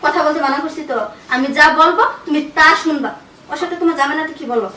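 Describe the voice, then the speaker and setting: A woman's voice: high voice, fast talker, sharp tone, far from the mic, slight background noise. A woman playing a betrayed scolding wife. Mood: angry. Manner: scolding, tearful outbursts. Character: wife catching husband cheating with maid. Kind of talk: amateur skit drama. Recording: echoey room, off-mic, faint music.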